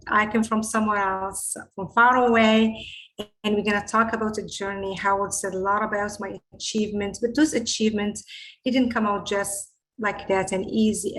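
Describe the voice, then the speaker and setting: A woman's voice: mid-range voice, a bit bright, a little hiss or hum, rough recording. Earnest woman lecturing. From Morocco. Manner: earnest, halting phrasing with frequent restarts. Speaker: invited lecturer, scientist. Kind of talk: lecture over video call. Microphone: video call webcam mic.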